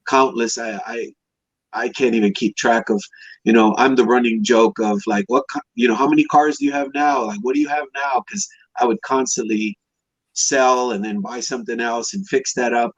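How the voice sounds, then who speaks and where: A man in his fifties from Hawaii, a classic car restorer, chats as a podcast guest, recounting personal stories in a loose, rambling, conversational manner. His voice is mid-range. There is no echo, and the connection sounds dull, dry, and lo-fi.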